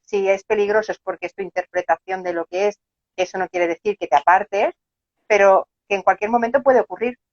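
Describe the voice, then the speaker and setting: Una mujer con acento de España que conduce una conversación en directo y habla pensativa, dudando y con muchas muletillas. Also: female voice, mid-range voice, no room sound. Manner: thoughtful, hesitant, many fillers. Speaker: host. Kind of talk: live conversation on non-duality. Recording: dry, muffled live-stream audio.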